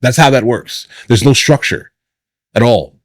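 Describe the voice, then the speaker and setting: A man's voice: mid-range voice, expressive, a little slow, no echo, clean studio sound. A middle-aged man giving off-the-cuff opinionated commentary as a host, emphatic and repetitive, often tagging his points with short questions. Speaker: host of a reaction show.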